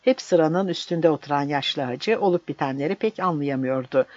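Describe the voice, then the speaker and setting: An audiobook narrator reading a novel aloud in a steady, measured voice. The recording is dull and dry, with a muffled top end and no room around it. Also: medium pitch, no room sound. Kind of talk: scripted narration.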